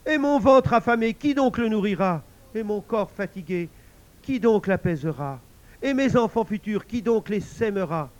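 A man's voice: high voice, big pitch swings, a little slow, muffled recording, pitched above the performer's own voice. A man reading a tale aloud, voicing a brutish husband who blusters, roars and complains. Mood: pleading. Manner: loud, blustering, pleading.

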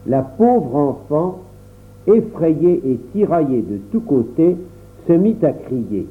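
A man narrates a children's story in a measured, storytelling way. His pitch is animated and varied. The sound is thin and phone-like. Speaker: audiobook narrator. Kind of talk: reading a children's novel aloud.

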